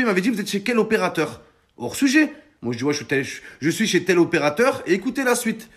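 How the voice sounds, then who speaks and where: A man, telling his followers an animated story of being hacked and threatened, emphatic and swearing often. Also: high voice. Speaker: social media personality.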